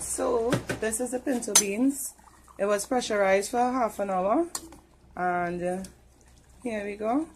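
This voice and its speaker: A woman's voice: medium pitch, noisy background. A woman with a Trinidadian accent, chatting casually as she walks viewers through cooking steps in her home kitchen. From Trinidad and Tobago. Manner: chatty, talks viewers through each step. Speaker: home cook.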